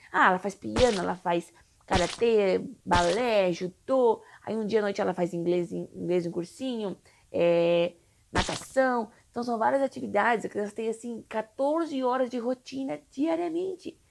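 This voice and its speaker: A woman's voice: mid-range voice, normal speed, gravelly, background noise. A young woman from Brazil, an English teacher for children, explaining in a chatty, reassuring way with frequent tag questions. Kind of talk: casual explainer video.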